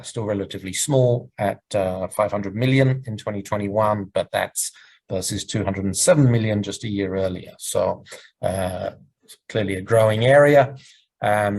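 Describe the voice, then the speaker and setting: A man giving a business presentation and answering questions over a video call, speaking in a measured, explanatory way while losing his voice. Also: fairly low pitch, creaky, husky, poor audio. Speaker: presenter at a market research webinar.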